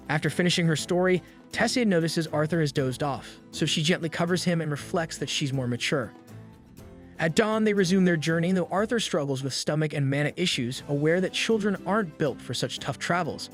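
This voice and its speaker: A man giving a steady, scripted narration of an anime plot recap, in an even storytelling delivery. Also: a little high, brisk, soft background music.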